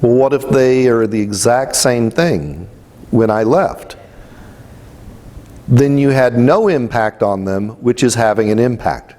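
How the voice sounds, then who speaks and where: A man's voice: medium pitch, unhurried, warm tone, in a large hall. A man giving a motivational talk, telling stories in a blunt, casual way. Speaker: spiritual speaker.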